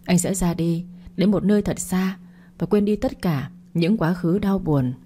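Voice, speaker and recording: A woman narrating an audio story in a steady, dramatic storytelling manner. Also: lowish voice, unhurried, a little hiss or hum. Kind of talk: scripted narration.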